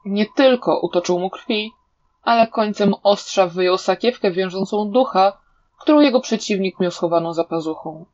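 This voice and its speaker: A woman reading a fantasy novel aloud in an even, measured voice, as an audiobook narrator, in a slightly dull recording. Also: mid-range voice. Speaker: audiobook reader.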